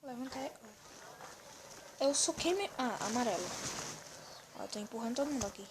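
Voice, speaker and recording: A woman with a Brazilian accent giving excitable, running commentary on a game she is playing for a video, often telling the viewer to look. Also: a little high, fairly quick, background noise. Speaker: gaming video host. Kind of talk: let's-play gameplay commentary. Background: faint game music.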